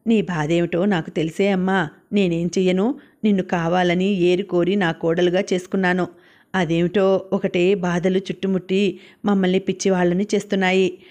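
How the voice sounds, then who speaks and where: A woman's voice: fairly low pitch, little pitch movement, moderate pace, a little mellow, natural voice. A woman reading the part of a kindly older mother-in-law coaxing her daughter-in-law to eat. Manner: coaxing, affectionate.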